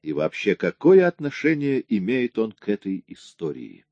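A man's voice: on the low side, big pitch swings, normal speed, darkish tone, no room sound, highs cut off. A man voicing a wry, cocky male police detective who keeps pressing with mocking questions.

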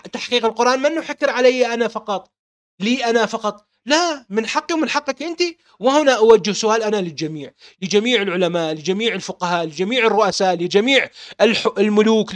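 A man's voice: high voice, fairly bright tone, no echo, studio quality. A man with a Levantine Arabic accent, an author delivering an impassioned monologue. He is insistent and fervent, firing off rhetorical questions and repeating himself. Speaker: author and publisher.

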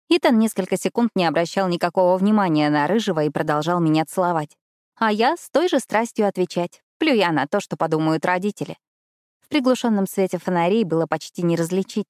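Audiobook: young woman narrating a romance, lowish voice, dry close sound. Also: a little mellow, dry recording. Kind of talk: first-person audiobook narration.

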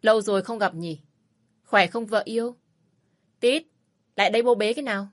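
A woman's voice: mid-range voice, moderate pace, lightly acted. A woman voicing a smug, pushy ex-husband who talks in a wheedling, mocking, overly familiar way in a storybook reading. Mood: smug teasing. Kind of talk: storybook narration.

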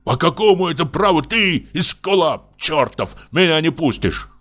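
A man voicing a drunk, quick-tempered investigator in his sixties, blustering and shouting in a raised voice. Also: on the high side, animated, pitched above the performer's own voice. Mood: indignant. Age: 60s.

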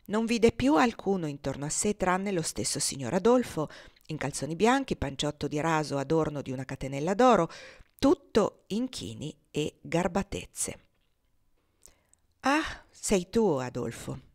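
A woman reading a classic novel aloud in a measured, steady storytelling manner. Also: low-pitched, no echo, clean studio sound. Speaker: audiobook reader. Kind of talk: literary audiobook narration.

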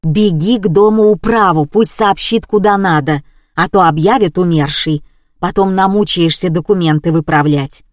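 A stout old neighbour woman, loud and blunt, with no tact at all, put on by a woman reading the story. Her voice is raised and bossy. The sound is dry and close. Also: lowish voice, normal speed, no echo, close to an everyday voice.

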